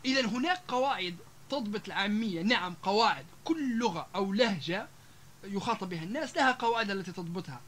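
A man with a Libyan Arabic accent giving a public lecture to an audience, rattling off example words and pausing on long "aah" fillers. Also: sits high, animated, fairly bright tone, a little hiss or hum. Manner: rapid, with frequent drawn-out "aah" fillers, listing example words one after another.

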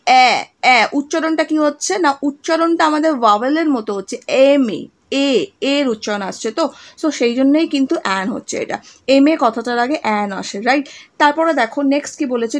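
A woman, teaching a grammar lesson to young students, patiently explaining each answer and checking in with "okay?" as she goes. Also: high voice. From West Bengal, India. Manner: reads exercise sentences slowly and deliberately.

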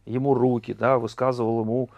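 Gravelly man in a dry studio. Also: mid-range voice, flat delivery, fairly quick, a little mellow, no room sound. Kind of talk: panel discussion commentary. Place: small room studio, indoors.

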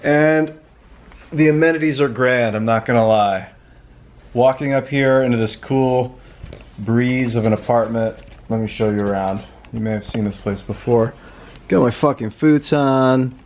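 A man in his thirties vlogging casually into a handheld camera, relaxed and reflective, rambling between thoughts. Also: mid-range voice, unhurried. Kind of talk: casual travel vlog. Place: airport and apartment. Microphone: handheld camera at arm's length. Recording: loud background noise.

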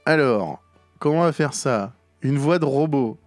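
A man's voice: medium pitch, animated, unhurried, no echo, soft background music. A man streaming a game live, chatting casually with playful jokes. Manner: joking, playful. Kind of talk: casual live gaming commentary.

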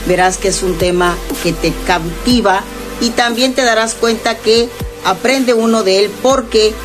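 Slow, earnest woman with music underneath. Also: fairly high pitch. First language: Spanish. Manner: slow, earnest, inviting address to the viewer. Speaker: paranormal vlogger. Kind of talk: casual vlog narration. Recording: clear music playing under the voice.

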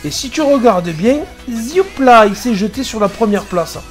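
A man's voice: high voice, lively intonation, normal speed, soft background music. A man, a truck driver, commenting casually and sarcastically on dashcam clips, exasperated at other drivers.

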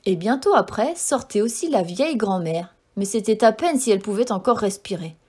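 A woman reading a fairy tale aloud as a storyteller, in a clear, gentle narrating style. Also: mid-range voice, lively intonation, fairly quick.

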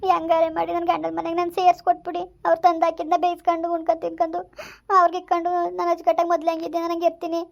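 A woman's voice: very high voice, completely flat delivery, rapid-fire, vocal fry, lo-fi sound. A woman playing a remorseful middle-aged stepmother who pleads and blames herself, in a village family skit. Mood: pleading. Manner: pleading, self-reproaching.

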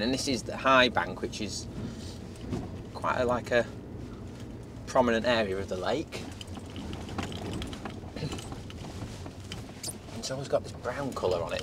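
Man, mid-pitched, casual enthusiastic vlog host outdoors; clear outdoor noise behind. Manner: chatty, enthusiastic, addresses viewers directly. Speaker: fishing vlogger. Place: outdoors at a fishing lake.

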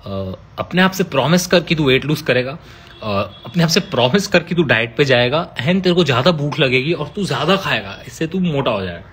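A man's voice: medium pitch, lively intonation, normal speed, fairly bright tone, slight background noise. Playful man streaming live. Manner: teasing, playful banter with viewers. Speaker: live streamer answering fan comments. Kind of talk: casual live-stream chat.

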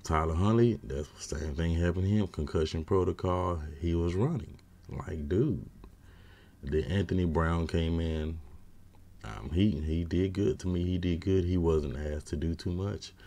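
Very deep-voiced casual football fan. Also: male voice, unhurried. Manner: opinionated, gets loud and exasperated when ranting; casual slang with frequent fillers. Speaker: sports fan commentator. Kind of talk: postgame football commentary. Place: small room at home, gaming chair.

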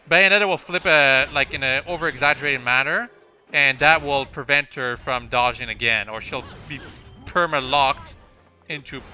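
Bright-voiced man rambling over game music. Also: mid-range voice. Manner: rambling, self-correcting, frequent fillers and restarts. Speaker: let's play commentator. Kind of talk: casual gameplay commentary. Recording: game music playing behind.

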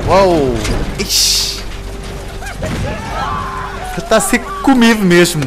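A man with a European Portuguese accent commentating a video game, excitable and full of slangy exclamations. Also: sits high, takes it slowly. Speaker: gaming commentator. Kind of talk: let's play commentary. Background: game music and sound.

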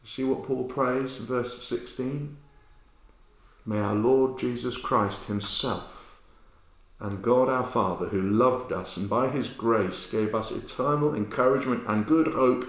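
A man in his fifties preaching a sermon, animated storytelling that swings between loud and hushed, recorded indoors in a bare room by a camera at medium distance. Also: medium pitch, a little slow. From England. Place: bare-walled room indoors, with a sign language interpreter beside him. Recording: very echoey room.

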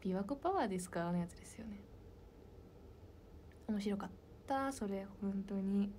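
Young woman idol, mellow soft voice, casual fan Q&A chat, whispered asides. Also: medium pitch, moderate pace, slight background noise. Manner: soft-spoken and chatty, drops into whispered asides. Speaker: idol talking with fans.

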